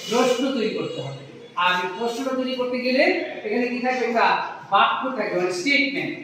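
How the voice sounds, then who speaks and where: A high-pitched man teaches a classroom grammar lesson, asking questions and then answering them himself. His voice rings around a very echoey room, picked up from some distance away with a faint hiss underneath. He recites word lists slowly and deliberately. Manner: slow, drawn-out recitation of word pairs. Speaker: English teacher.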